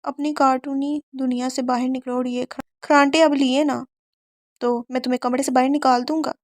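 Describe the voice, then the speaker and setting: A rude, stern young husband voiced by a woman narrator snaps his orders harshly. The voice sits high and stays flat. The sound is dry and close. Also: no echo. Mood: scolding. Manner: harsh and scolding.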